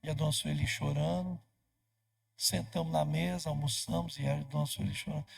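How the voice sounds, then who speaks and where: A man's voice: a little high, little pitch movement, normal speed, gravelly. A man with a Brazilian Portuguese accent, a pastor telling a story in a sermon and acting out the dialogue as he goes. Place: church.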